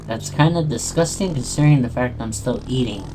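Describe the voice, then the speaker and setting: A man's voice: medium pitch, fairly quick, warm tone, a little hiss or hum, poor audio. A man hosting his own gaming stream, chatting casually and muttering to himself while he plays. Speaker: game streamer host.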